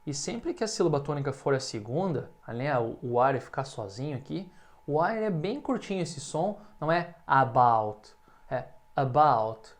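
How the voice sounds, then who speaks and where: Brazilian man teaching English slowly. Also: fairly high pitch, expressive, a little mellow, a little hiss or hum. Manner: explains patiently, repeats English examples slowly and clearly. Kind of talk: language lesson.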